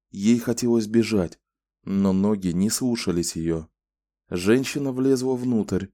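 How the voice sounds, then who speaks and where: A man calmly narrating a novel as an audiobook reader, close to the microphone. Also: low-pitched, no room sound.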